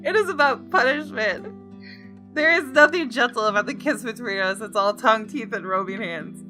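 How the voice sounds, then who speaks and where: Reading in a dramatic, confessional way, a woman with a somewhat high, natural voice narrates at a moderate pace as a jaded, guilt-ridden woman in a visual novel. The mood is bitter, with guitar game music behind her.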